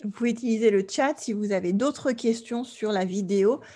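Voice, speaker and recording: A French woman leads an online language class. She explains things patiently and plainly, pausing to make sure her students are following along. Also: mid-range voice, mellow. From France. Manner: clear, patient explaining, often checks with "d'accord?". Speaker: French teacher.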